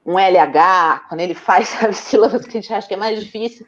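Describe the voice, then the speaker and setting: Animated Brazilian mother on a muffled call. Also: mid-range voice, a little fast. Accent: Brazilian Portuguese. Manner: animated storytelling, laughs often. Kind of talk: casual interview chat.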